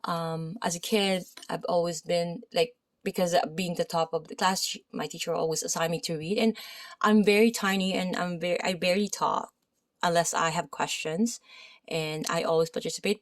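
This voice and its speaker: A woman with a Filipino accent teaching a massage therapy lesson, reading from a textbook with loud and soft stretches and chatty asides full of fillers. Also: lowish voice, steady tone, moderate pace. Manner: reads aloud, then adds loose asides with many fillers; loud reading voice that rises and drops.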